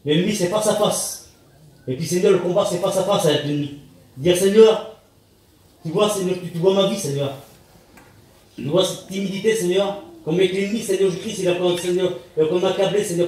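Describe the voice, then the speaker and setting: A man preaching a sermon in a plain-spoken, halting way, often restarting and calling out to the Lord. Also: sits high, darkish tone. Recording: echoey hall, speaker far from mic.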